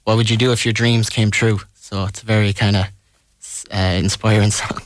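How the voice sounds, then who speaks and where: A man's voice: lowish voice, little pitch movement, a little fast, dry recording. A man from Ireland with a west of Ireland accent, talking casually and tentatively as a musician in a radio interview.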